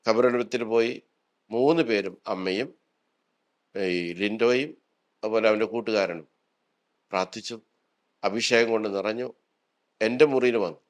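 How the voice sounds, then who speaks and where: A man speaks as a priest giving a personal testimony, his voice sitting fairly low. He tells his account earnestly and retells what others said to him along the way. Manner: earnest storytelling, retelling dialogue.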